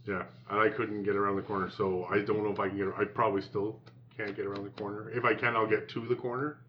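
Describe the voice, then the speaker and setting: Low-voiced player thinking aloud. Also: male voice, little pitch movement, fast, lo-fi sound, slight background noise. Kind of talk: casual tabletop game talk.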